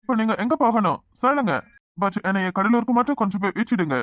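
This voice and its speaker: A woman's voice: mid-range voice, expressive, quick pace, a bit bright, no echo, studio quality, natural voice. A woman voicing an awkward young man back from abroad, who mixes broken English into his Tamil in a cartoon. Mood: fussing.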